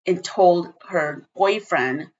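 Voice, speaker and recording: A woman co-hosting a podcast, gossiping with crude slang and quick reactions. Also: lowish voice. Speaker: podcast co-host. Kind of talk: casual chat. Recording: dull lo-fi podcast audio.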